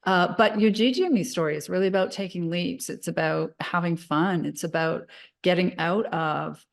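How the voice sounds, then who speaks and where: A woman hosts an interview in a fairly low voice. She talks in an enthusiastic, chatty way and fills her sentences with fillers and restarts. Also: normal speed, creaky. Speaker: interview host. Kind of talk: casual interview talk.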